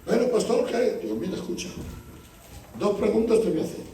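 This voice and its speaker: A man's voice: sits high, very animated, fairly quick, mellow, slight background noise. A man preaching a sermon as pastor, telling stories and acting out dialogue with churchgoers. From Spain. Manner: storytelling, acts out dialogue with church members. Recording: echoey church hall from far off.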